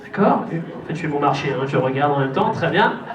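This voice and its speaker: A stage magician hosting a children's magic show delivers playful, teasing patter, coaxing kids and their families along. His voice is fairly high, expressive and a little quick. The hall echoes, the mic is distant, and a noisy live crowd fills the background near the stage.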